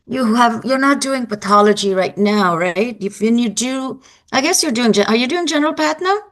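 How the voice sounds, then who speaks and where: A woman giving a live anatomy lecture, brisk and emphatic, quizzing her students as she goes. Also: fairly high pitch, animated, a bit bright.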